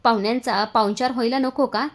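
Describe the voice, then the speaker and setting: A woman's voice: on the high side, steady tone, fast, natural voice. A woman voicing an insistent, needling older aunt in a retold family serial. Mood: pushy. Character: nosy older woman pushing wine on a guest.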